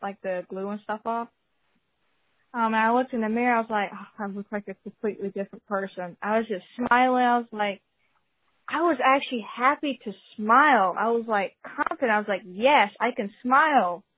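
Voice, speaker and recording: A woman's voice: fairly high pitch, normal speed, fairly bright tone, no echo. Young woman, phone call-in testimony, chatty and giggly, dry sound. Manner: chatty and giggly, many fillers and restarts. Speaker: caller sharing a testimony. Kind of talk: casual spoken testimony.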